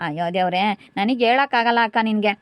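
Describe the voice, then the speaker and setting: A woman's voice: mid-range voice, fast talker, dry recording, natural voice. A woman playing a pleading, devoted younger sister. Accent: rural central Karnataka Kannada. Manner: pleading, insistent comforting. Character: devoted younger sister consoling a crying elder sister. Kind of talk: amateur village family drama.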